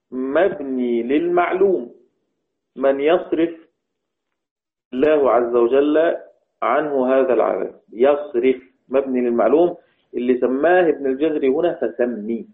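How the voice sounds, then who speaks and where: A man teaching Quranic readings in a lecture, asking his students questions and answering them himself, slowing down to recite verse lines. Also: mid-range voice. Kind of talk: classroom lecture. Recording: tinny phone-like recording.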